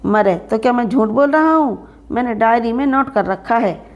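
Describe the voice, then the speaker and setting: Woman storyteller, fairly high voice, dramatic first person reading, stern boss tone. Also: moderate pace, dull audio. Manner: expressive, plays the stern employer in first person.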